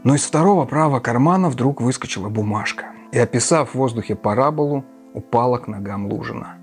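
A man's voice: mid-range voice, soft background music. Man narrating an audiobook. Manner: measured, expressive reading. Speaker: audiobook reader.

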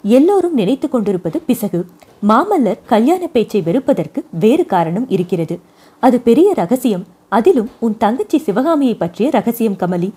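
A woman's voice: on the high side, sing-song, normal speed, mellow, breathy edge. A woman voicing a playful young male charioteer in a storybook reading, in a teasing manner. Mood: confiding.

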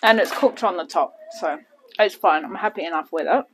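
A woman's voice: fairly low pitch, brisk, background noise. Chatty self-deprecating woman in a home kitchen. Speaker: home cooking channel host. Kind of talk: casual cooking demonstration.

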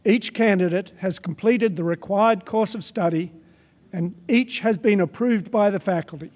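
A man's voice: sits high, moderate pace, a little mellow. An older man making formal, stately announcements at a graduation ceremony, reading titles with small stumbles into a podium microphone in a large arena. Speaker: master of ceremonies. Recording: long reverb of a large hall.

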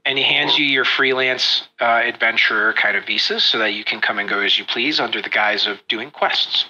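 A man narrating as a dungeon master, with a notably bright, forward tone. His storytelling is relaxed and descriptive. The recording sounds slightly dull and lo-fi. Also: medium pitch, brisk. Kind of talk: narrating a tabletop game.

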